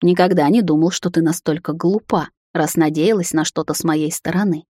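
A woman voicing a cold, commanding male vampire lord in an audiobook, speaking slowly and sternly. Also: sits low, mellow, husky, no room sound, studio quality. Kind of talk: audiobook character voice.

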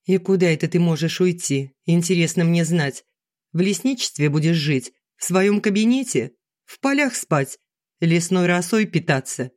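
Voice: medium pitch, animated, moderate pace, lightly acted. A narrator voicing an aggrieved middle-aged wife who complains shrilly and sarcastically through tears, in an audiobook. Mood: mocking. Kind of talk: audiobook character reading.

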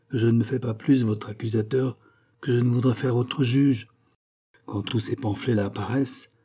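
A man's voice: mid-range voice, warm tone, husky, lightly acted. A man reading aloud, playing a weary, patient king who reasons in a mildly exasperated way.

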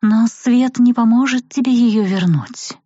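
A woman voicing a cold, colorless otherworldly being who slowly offers a dark bargain, in an audiobook. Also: on the high side, dry recording, muffled recording, pitched above the performer's own voice. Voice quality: colorless, flat.

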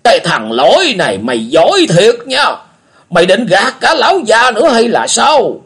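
A man voicing a cantankerous old male beggar martial artist who scolds and shouts in a husky voice for a story reading. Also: fairly high pitch, big pitch swings, measured pace, voice pushed up, full character voice. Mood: angry scolding.

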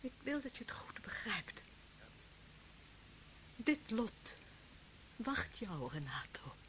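Very animated yet slow, with a highish pitch, an actress taunts bitterly as a radio drama's lonely young policewoman, a onetime death squad member. The mood is coldly menacing and she often lowers to a whisper; the audio is muffled, phone-like and clearly old and noisy.

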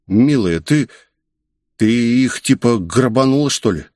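A man's voice: mid-range voice, expressive, unhurried, darkish tone, breathy edge, dry recording, clean studio sound. A man voicing a streetwise, kind young man who talks in loose slang. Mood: startled. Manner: slangy, rambling and friendly.

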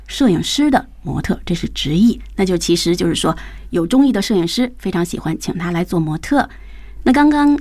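A woman co-hosts a radio English lesson in a warm, mellow voice, chatting and rephrasing the points for listeners. The studio sound is dry and close, with no room echo. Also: medium pitch. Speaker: radio co-host.

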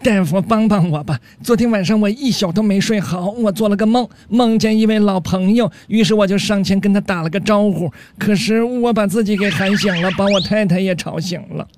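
A man's voice: high-pitched, fairly quick, few pauses, a little mellow, voice pushed up, lightly acted. A man doing a whiny troubled patient. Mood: pleading. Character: worried middle-aged man seeking help.

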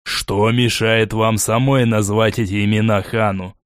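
A man voicing an ancient, cold, mocking male warrior in a slow, deliberate, sardonic manner. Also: lowish voice, little pitch movement, dry recording, studio quality, natural voice. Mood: calm.

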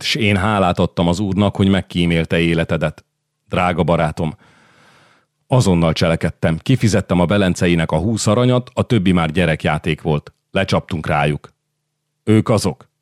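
A man narrating a historical novel as an audiobook, reading the dialogue in a measured, even way. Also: low-pitched, no echo, clean studio sound.

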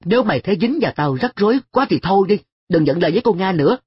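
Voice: mid-range voice, expressive, very fast, husky, dry recording, highs cut off, pitched above the performer's own voice. A reader voicing a carefree, cheeky schoolboy who talks in an offhand, shrugging way in a story reading. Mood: sulky. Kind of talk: audiobook dialogue.

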